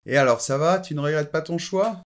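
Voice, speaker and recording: A man's voice: a little high, brisk, close to an everyday voice. A man playing a chatty, self-mocking student radio host interviewing a guest in a scripted French lesson. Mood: upbeat. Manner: upbeat, friendly interviewer.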